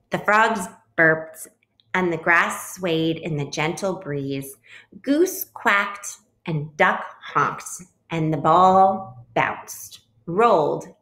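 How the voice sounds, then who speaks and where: A woman reading a picture book aloud to children as a teacher, gently stopping to ask them questions. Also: fairly low pitch. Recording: roomy echo.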